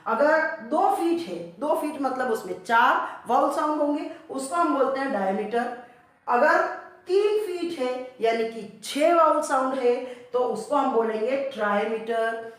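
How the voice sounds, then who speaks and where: A woman's voice: high voice, animated, a little slow. A woman with an Indian accent teaching an exam-prep English lesson. She asks questions and then answers them herself, repeating the key points. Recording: very echoey room.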